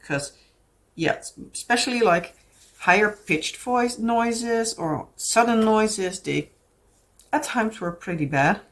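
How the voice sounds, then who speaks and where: Expressive and slow, her mid-range voice carries a Dutch accent; she's a craft vlogger from the Netherlands chatting casually to camera. Her speech rambles, full of fillers and restarts.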